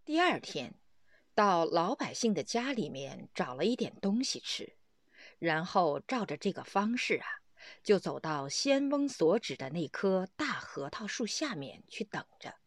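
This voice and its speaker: Slow, lively woman telling a tale. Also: lowish voice, no echo, studio quality. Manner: animated storytelling with exclamations. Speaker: Buddhist teacher. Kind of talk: storytelling sermon.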